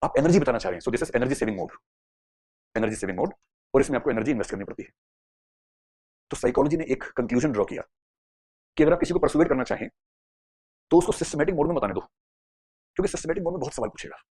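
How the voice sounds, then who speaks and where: A husky-voiced man teaching psychology in a classroom. He talks very fast and playfully, slipping into little acted scenes to make his points. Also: on the high side, expressive, mellow. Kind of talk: classroom lecture mixing Hindi and English.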